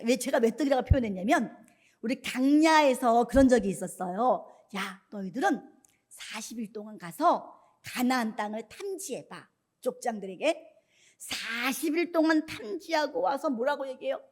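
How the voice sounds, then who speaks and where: A woman pastor giving a lively sermon, often putting questions to the congregation. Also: sits high.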